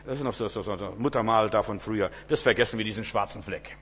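A man preaching a sermon to his congregation, swinging between loud emphatic cries and low hushed asides, repeating words for emphasis. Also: quick pace, in a large hall, slight background noise.

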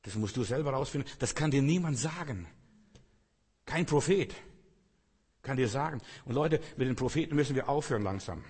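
A man's voice: medium pitch, expressive, moderate pace, darkish tone, husky, in a large hall. A man preaching a sermon in a conversational way, often turning to the listener directly. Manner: conversational, addresses listener with "weißt du".

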